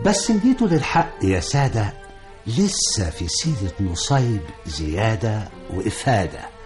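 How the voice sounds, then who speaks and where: A man playing an old-time Arabic cafe storyteller with an Egyptian accent, narrating in courtly rhymed prose to his listeners. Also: on the low side. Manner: courtly, rhyming, addressing listeners as gentlefolk. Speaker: narrator and host.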